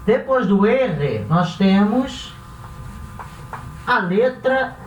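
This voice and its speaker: A man teaching a language class who talks patiently and repeats each word slowly, often checking in with his students. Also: high voice, expressive, distant mic. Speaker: Spanish teacher. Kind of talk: classroom lesson. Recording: roomy, dull sound from off mic with faint hiss.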